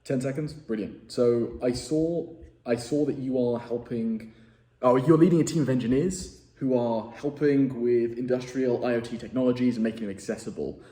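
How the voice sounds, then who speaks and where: A man's voice: medium pitch, normal speed, mellow. A man with an English accent making cold sales calls, direct and chatty with self-deprecating asides. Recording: roomy echo.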